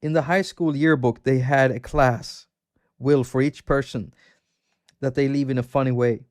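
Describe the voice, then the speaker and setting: A chatty host from Sweden rambles through a relaxed game stream, reading out chat and laughing a lot. He has a steady, mid-range, darkish voice at a moderate pace and a Swedish accent.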